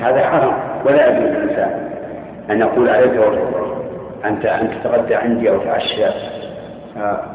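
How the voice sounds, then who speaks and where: A man teaching as a sheikh, answering questions with firm, reasoned rulings. His brisk voice rings through a long hall reverb and comes from a distance. The sound is thin and phone-like, with a faint hiss underneath. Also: mid-range voice, fairly even intonation. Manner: measured, authoritative rulings with reasoning. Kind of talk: religious Q&A lesson. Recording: echoey hall from far off, tinny lo-fi, faint hiss.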